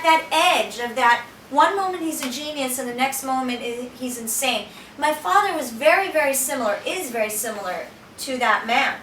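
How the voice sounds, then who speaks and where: A woman with a high, bright voice gives a heartfelt personal talk in a small shelter room. She tells her story earnestly, often restarting her sentences. The recording is echoey and taken from some distance, with faint background noise. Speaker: speaker giving a talk.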